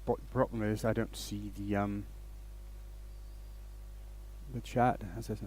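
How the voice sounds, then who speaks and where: A man's voice: on the low side, level tone, a little slow, a little mellow, slight background noise. Man chatting on a livestream. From Denmark. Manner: rambling, restarts sentences, greets chat viewers by name. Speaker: woodturning livestream host. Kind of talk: casual live-stream chat while working.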